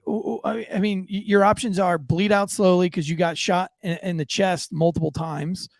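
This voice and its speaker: This podcast co-host, a man, jokes around and swears during casual chat and stumbles through a sponsor ad with many restarts. His voice is high and creaky, with fairly even intonation at a normal speed. The sound is studio quality, with no room sound.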